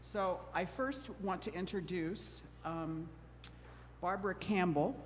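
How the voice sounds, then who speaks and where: Moderating a panel discussion in a church hall, a middle-aged woman from Oregon, USA chats along nervously, laughing and poking fun at herself. Her voice is fairly low and slow, caught with long hall reverb and faint noise.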